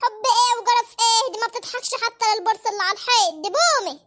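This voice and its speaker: A voice actor playing a bickering old village mother-in-law, shrill and scolding in a cartoon. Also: very fast. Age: older. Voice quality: squeaky, shrill. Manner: scolding, dramatic wailing. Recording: loud background noise.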